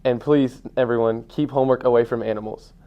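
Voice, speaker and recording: A man's voice: mid-range voice, steady tone, fairly quick, lightly acted. A young man voicing a patient male schoolteacher in a read-aloud storybook, in a plain reading voice. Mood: instructive. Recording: dull lo-fi sound.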